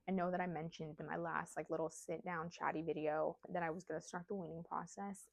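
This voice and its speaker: A young woman, a new mom, talking in a chatty sit-down vlog, animated and casual, often saying "like" and "y'all". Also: on the low side, dry recording, low-quality recording.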